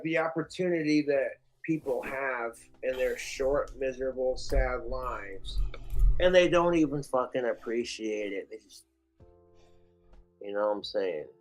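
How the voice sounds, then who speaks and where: Guy on a stream ranting and swearing, talks real slow, bit of music in the back. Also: mid-range voice, rough recording. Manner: profane, slow-paced ranting. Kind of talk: casual ranting chat.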